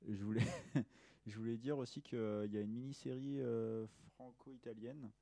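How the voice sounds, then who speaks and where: A man's voice: medium pitch, steady tone, normal speed, creaky, warm tone, dry recording. A man co-hosting a podcast in casual chat, rambling with many fillers. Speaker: podcast co-host. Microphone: desk microphone.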